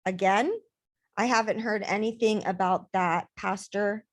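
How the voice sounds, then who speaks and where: A woman's voice: mid-range voice, steady tone, unhurried. A woman life coach talking casually to camera in her vlog, emphatic and repeating words for stress.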